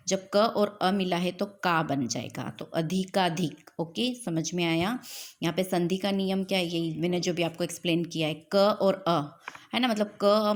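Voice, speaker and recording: Hindi teacher woman, slightly low voice. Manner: explanatory, repeats "है ना" and "okay" to check understanding; mixes English words into Hindi. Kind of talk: classroom grammar lecture.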